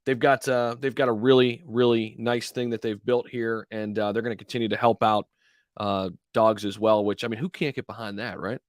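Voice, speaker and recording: A man's voice: mid-range voice, steady tone, normal speed, no echo, clean studio sound. A man hosting a crypto livestream with slangy, promotional crypto bro hype, talking casually to his viewers.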